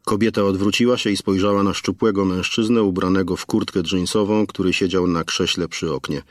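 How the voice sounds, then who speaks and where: A man reads a crime audiobook in a measured, even narration. His voice sits low, and the recording is dry and close-miked with no room behind it. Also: no echo. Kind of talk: scripted narration.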